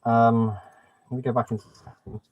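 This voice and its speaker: A man's voice: mid-range voice, little pitch movement, moderate pace, no room sound. A man chatting on a live stream and thinking aloud while fiddling with settings, his voice muffled and hollow through a webcam mic. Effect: muffled, hollow sound like talking through a pipe. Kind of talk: casual live-stream chat. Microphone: webcam microphone. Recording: dull, dry webcam mic sound.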